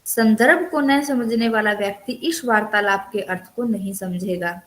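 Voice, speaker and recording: A woman teaching an online class, working through her notes line by line and pausing to explain each term. Her voice sits at a middle pitch for a woman, and the talk moves at a steady teaching pace. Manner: reads from notes and explains terms. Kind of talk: online lecture. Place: recorded online counselling session.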